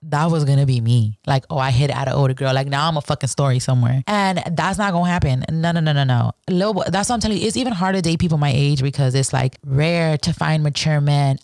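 A woman's voice: low-pitched, fast talker, hardly any pauses, a little mellow, no room sound, studio quality. A woman in her twenties hosting a podcast, telling stories in casual chat, laughing often, swearing freely and acting out quoted people. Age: 20s. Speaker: podcast host. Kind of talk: casual storytelling monologue.

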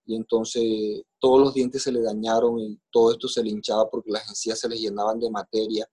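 A man's voice: lowish voice, little pitch movement, brisk, mellow, breathy edge. A middle-aged man with a Colombian accent tells his life story in an interview, emotional and plainspoken, with coarse slang and repeated phrases. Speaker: interview guest. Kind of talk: personal life story in casual conversation.

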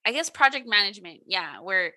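This podcast co-host is a woman with a medium-pitched, expressive voice, brisk and pushed bright. She rambles through a casual chat, piling on fillers, restarts and plenty of "like"s.

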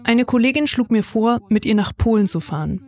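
A woman in her twenties from Ukraine, calmly reading her own first-person story in a reflective voice. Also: fairly high pitch, fairly quick. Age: 20s. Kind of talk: read first-person testimony.

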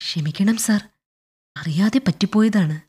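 A woman's voice: medium pitch, a little slow, darkish tone, breathy edge. A woman voicing a timid, anxious male government clerk who keeps apologizing in a pleading, fretful voice.

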